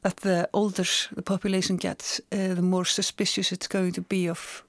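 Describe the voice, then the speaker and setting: Woman, halting thoughtful talk. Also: lowish voice, flat delivery, no echo. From Iceland. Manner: thoughtful, repeats words as she searches for them. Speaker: author and journalist guest. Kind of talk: conversational interview.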